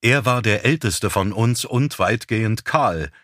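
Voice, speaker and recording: A man narrating a novel as an audiobook in a slow, measured storytelling manner. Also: lowish voice, animated, a bit bright, dry recording, clean studio sound.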